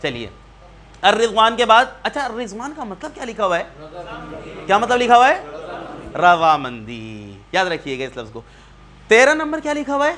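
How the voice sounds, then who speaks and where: A man's voice: extremely high pitch, very animated, long pauses, sharp tone. A man teaching a community Quran class, patiently quizzing students and repeating key points. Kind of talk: classroom lesson.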